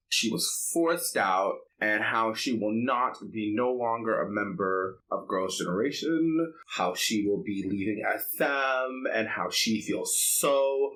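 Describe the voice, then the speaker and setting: This male podcast co-host, with a voice on the low side, speaks in a bright, forceful tone over a rough recording. He chats casually about K-pop, offering opinions and peppering his talk with "like."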